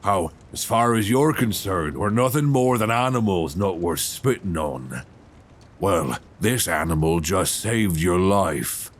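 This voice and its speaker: Close to a binaural mic, a soft-spoken man plays a folksy lighthouse keeper from the 19th century, gentle but probing, halting and reassuring, in an intimate suspenseful ASMR roleplay. His intonation is lively and his mood quietly knowing. A faint low rumbling sits behind him.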